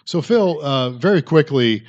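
A man's voice: fairly high pitch, animated, a little slow, darkish tone. An older man co-hosts a chatty podcast, his voice still carrying a radio announcer's habits. He trips over words and laughs at himself. The audio is dull and lo-fi. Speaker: podcast co-host. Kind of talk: casual chat.

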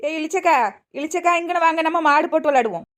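A high, quick voice plays a put-upon young woman in a cartoon, acted by a woman. She grumbles and complains at a fast clip in a Kanyakumari Tamil accent. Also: fairly bright tone. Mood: grumbling. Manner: complaining, whiny. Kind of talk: cartoon voice acting.

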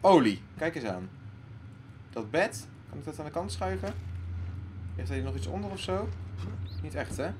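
A man's voice: a little high, big pitch swings, normal speed, long pauses, background noise. Jumpy man narrating his gameplay. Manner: jumpy, loudly panicking, talks to himself. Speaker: let's play host. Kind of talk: casual gaming commentary.

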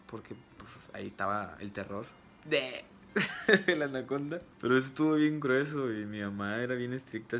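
A man's voice: medium pitch, a little hiss or hum. A young man with a Mexican accent, a vlogger telling funny, self-mocking stories from his childhood to camera. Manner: animated, comic, self-mocking storyteller. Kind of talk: casual storytelling to camera.

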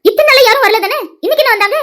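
Brief: a worried young best friend in a cartoon, squeaky high and brisk. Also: female voice. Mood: concerned. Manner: concerned, gently questioning. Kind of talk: cartoon voice acting.

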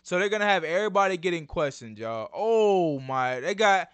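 This is a young man talking to his channel's viewers in a loose, slangy way, excitable and quick to call out to them. His voice is bright and cutting, a touch high for a man, and it rises and falls a lot. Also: clean tone. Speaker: YouTube channel host. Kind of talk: casual trailer breakdown vlog.

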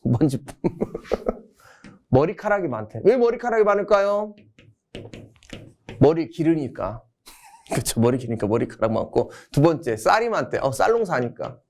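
A man's voice: fairly high pitch, very animated, unhurried, pauses often, a little mellow. A man giving a casual exam-prep history lecture, telling it as a story. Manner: casual, storytelling, acts out quotes.

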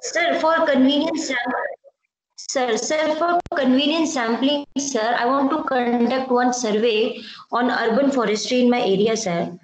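Woman, high voice, choppy breaking call audio, hesitant, echoey room, keeps saying sir. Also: steady tone, unhurried, slight background noise. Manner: hesitant, says sir after nearly every phrase. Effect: choppy online call audio, breaking up. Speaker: workshop participant asking a question. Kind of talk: online webinar question.

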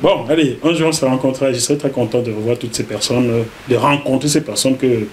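A middle-aged man with a Cameroonian French accent, a journalist recounting his career as an interview guest, animated and repeating words as he goes. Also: mid-range voice, fast, a little hiss or hum. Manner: animated, repeats words while telling a story. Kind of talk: casual interview storytelling.

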